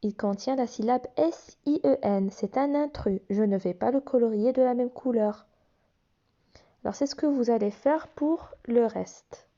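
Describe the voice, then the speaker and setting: A woman's voice: on the high side, a little slow, warm tone, lo-fi sound. A woman teacher walking young children through phonics exercises, patiently spelling out letters and sounds. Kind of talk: phonics lesson explaining workbook exercises.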